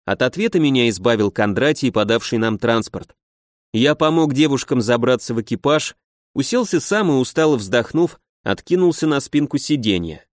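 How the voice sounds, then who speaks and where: A man's voice: mid-range voice, normal speed, no echo. Man, audiobook narration, wry, conversational, dry close sound. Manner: even, wry, conversational storytelling. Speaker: audiobook reader. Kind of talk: first-person audiobook narration.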